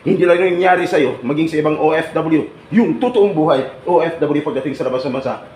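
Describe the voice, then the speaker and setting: A man's voice: fairly high pitch, darkish tone. A man giving a live seminar to trainees, teasing and bantering with the audience and often asking them to agree. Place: training room. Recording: echoey room with background noise.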